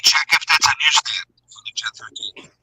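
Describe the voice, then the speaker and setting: A man in casual group chat whose voice comes through thin and tinny, as if he were talking in a tin can, hushed and half-whispered. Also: fairly high pitch, moderate pace, husky, no room sound. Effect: tinny thin mic sound, like talking in a tin can. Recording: faint, tinny, distant mic.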